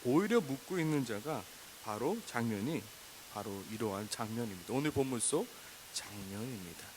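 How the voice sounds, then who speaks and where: A man in his thirties preaching a sermon, animated and acting out complaining prayers in a raised voice. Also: medium pitch, moderate pace, low-quality recording. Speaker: pastor. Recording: faint hiss.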